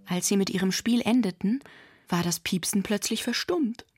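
A woman reading an audiobook story in a calm, even storytelling manner. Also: mid-range voice, moderate pace, soft background music. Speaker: narrator. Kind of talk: audiobook narration.

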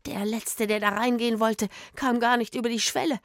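A woman's voice: a little high, flat delivery, brisk, no room sound, studio quality, lightly acted. A woman voicing a fearful, superstitious old village woman who hisses urgent warnings, in a children's audio story. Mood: insistent. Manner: hissing, urgent and imploring.

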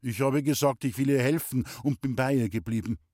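A man's voice: mid-range voice, brisk, a little mellow, dry recording, studio quality. A man narrating a story in the first person with a playful, boyish manner and a light tinge. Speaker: audiobook reader.

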